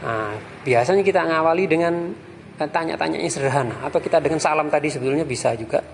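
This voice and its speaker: A male English teacher with an Indonesian accent explains self-introduction phrases, slowly drawing out each model phrase between quicker explanations. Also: on the high side, creaky, slight background noise. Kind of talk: classroom lesson explaining phrases.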